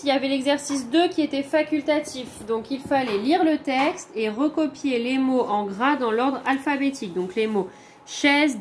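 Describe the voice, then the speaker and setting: A woman's voice: high-pitched, a little hiss or hum. A woman teacher with a French accent, patiently walking young pupils through the corrections of their homework, step by step. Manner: slow, patient, pointing things out step by step. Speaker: primary school teacher.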